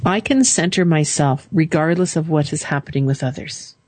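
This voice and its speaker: A woman hosting a call-in show, calmly leading a caller through affirmations phrase by phrase. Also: deep voice, no echo. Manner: calm, slow, leads phrases for repeating. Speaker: radio show host and coach.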